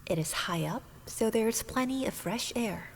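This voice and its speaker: A woman voicing a small, polite male bird in a whispered role-play, with a soft, lightly raised whisper. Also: on the high side, expressive, normal speed, a little hiss or hum. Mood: puzzled.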